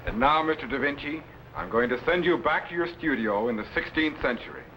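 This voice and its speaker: An actor playing an authoritative, courteous time-traveling captain who lectures formally in the declamatory style of a 1950s TV sci-fi serial. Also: male voice, medium pitch, expressive, brisk, background noise, close to an everyday voice. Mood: courteous, solemn. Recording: dull, lo-fi vintage broadcast recording.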